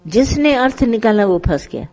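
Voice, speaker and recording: A woman speaking as a spiritual teacher at a satsang, her voice mellow and warm. She talks in a conversational, instructive manner, slipping into little parables with voiced dialogue. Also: a little high, expressive, normal speed. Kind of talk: satsang sermon.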